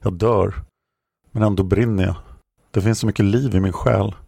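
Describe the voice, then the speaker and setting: A man's voice: lowish voice, steady tone, gravelly, slightly rough, no room sound, clean studio sound. A dying young woman, tearful and tender, as a male narrator reads her. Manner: soft, tearful pleading.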